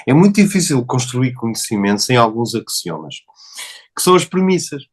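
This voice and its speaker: A man's voice: mid-range voice, sing-song, normal speed. A man with a European Portuguese accent hosting an interview, reasoning aloud in a discursive, philosophical way. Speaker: host interviewer. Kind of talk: interview conversation.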